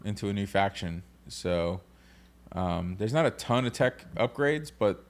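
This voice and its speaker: A man with a fairly low voice co-hosts a casual podcast. He explains game card rules steadily and methodically. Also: lively intonation, unhurried. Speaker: podcast co-host. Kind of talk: casual podcast chat, reading game cards aloud.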